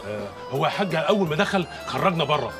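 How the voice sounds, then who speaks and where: A man's voice: a little high, very animated. A man with an Egyptian accent playing a fawning henchman who reports eagerly to his boss. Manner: fawning, quick. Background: music score.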